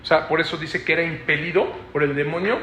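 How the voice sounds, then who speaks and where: Male preacher, high bright voice, teaching style with frequent rhetorical tags. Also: fast talker, a little hiss or hum. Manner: explanatory, asks listeners frequent rhetorical checks. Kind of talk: Bible study preaching.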